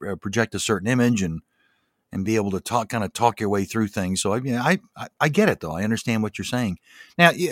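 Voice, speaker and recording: A man's voice: mid-range voice, no room sound, studio quality. A middle-aged or older man hosting a podcast, moving between presenting and interviewing a guest. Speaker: podcast host. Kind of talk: scripted podcast intro and interviewing.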